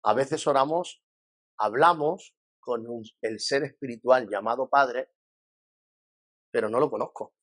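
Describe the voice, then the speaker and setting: A man's voice: mid-range voice, a little slow, long pauses. A man with a Spain Spanish accent, a pastor giving a conversational church lesson, acting out what people say and asking rhetorical questions. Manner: lively, acts out quoted voices, rhetorical questions.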